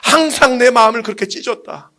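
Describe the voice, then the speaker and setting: A man's voice: very high voice, a little fast, sharp tone, full character voice. A pastor voicing God as a grieving, patient divine father, speaking earnestly and sorrowfully within a sermon. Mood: grieving, pleading.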